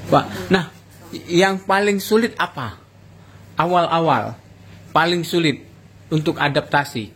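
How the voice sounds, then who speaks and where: A man's voice: fairly high pitch, measured pace, a bit bright, breathy edge. A man with an Indonesian accent, a chatty interviewer who echoes and confirms answers in a casual talk. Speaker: interviewer, YouTuber.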